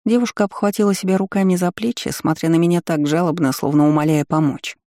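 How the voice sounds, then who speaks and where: Woman reading an audiobook, dark mellow voice, dry close sound, wry and blunt. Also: lowish voice, fairly even intonation, fast, no echo. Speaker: audiobook reader. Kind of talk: first-person audiobook narration.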